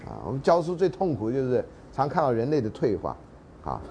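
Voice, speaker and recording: Male lecturer, Taiwanese Mandarin accent, animated and jokey, lively pitch, faint room noise. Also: quick pace. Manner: animated and joking, drops into dramatic readings and half-sung lines. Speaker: university lecturer.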